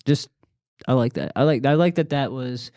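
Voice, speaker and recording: A man co-hosting a podcast, talking haltingly about a movie, with plenty of "like" and restarts. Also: mid-range voice, mellow, no echo, studio quality. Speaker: podcast co-host. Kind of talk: casual movie review chat.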